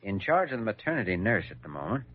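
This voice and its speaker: An actor playing a composed, easygoing young doctor with a wry, assured manner in an old radio drama. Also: male voice, fairly low pitch, big pitch swings, quick pace. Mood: calm, amused. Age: young adult. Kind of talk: 1940s radio drama acting. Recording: dull, noisy vintage radio recording.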